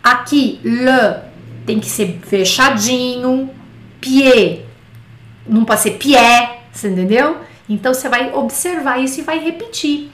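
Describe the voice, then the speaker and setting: A woman with a high, bright-pitched voice gives an online French class in a chatty, explaining manner. She slows down to sing little children's songs line by line. The sound bounces around an echoey room. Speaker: French teacher.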